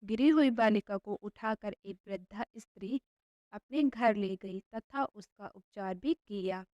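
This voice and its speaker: A woman reading a scripted moral fairy tale as storyteller, in a formal, measured manner. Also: medium pitch, darkish tone, no echo, highs cut off.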